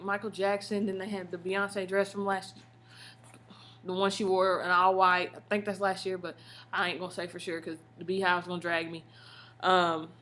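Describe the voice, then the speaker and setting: An American woman telling stories in a casual, slangy vlog style, expressive and full of emphatic asides. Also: medium pitch. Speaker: vlogger. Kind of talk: casual chatty storytelling vlog.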